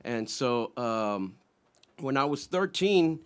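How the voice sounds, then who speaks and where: A man's voice: medium pitch, expressive, slow pace, fairly bright tone, smooth. A man in the band telling a childhood story casually and animatedly, acting out the people he quotes. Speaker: band guitarist.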